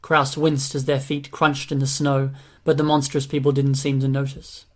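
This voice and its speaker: Man reading an audiobook in an even tone. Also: mid-range voice, moderate pace. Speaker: audiobook narrator. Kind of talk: scripted narration.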